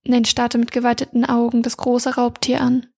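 A woman reading her own fantasy story aloud, narrating softly and often half-whispering. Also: on the high side, monotone, normal speed, gravelly. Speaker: reader and author.

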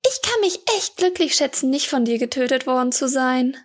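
A woman voicing a bratty, defiant masked girl in a fantasy audiobook, speaking in a high, snippy, taunting voice. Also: lively intonation, moderate pace. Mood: cheeky.

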